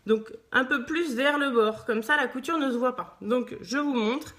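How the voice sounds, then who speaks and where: A woman's voice: high voice, moderate pace, fairly bright tone. A woman from France teaching sewing at her machine in a live tutorial, chatting casually and thinking aloud with many fillers as she works.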